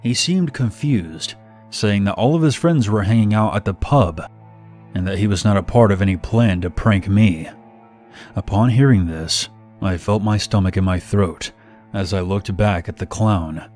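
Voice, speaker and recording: A man narrating a horror story in steady first person, scripted. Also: sits low. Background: faint music.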